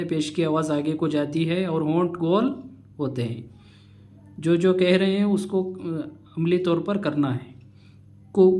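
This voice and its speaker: A man teaching Quran reading. He spells out letters and vowels slowly, then explains the rules quickly. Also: fairly high pitch, a little mellow. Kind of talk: slow spelled-out recitation lesson.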